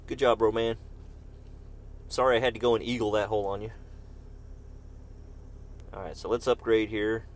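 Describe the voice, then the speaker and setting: Playing a game on a live stream, this man addresses viewers by name in casual commentary, stopping now and then in coughing fits. His voice is on the low side, delivered flatly at normal speed with long pauses.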